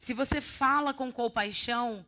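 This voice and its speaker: Bright-voiced Brazilian woman preaching a sermon. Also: on the high side, moderate pace. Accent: Brazilian Portuguese. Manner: lively storytelling with playful quoted voices. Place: church hall.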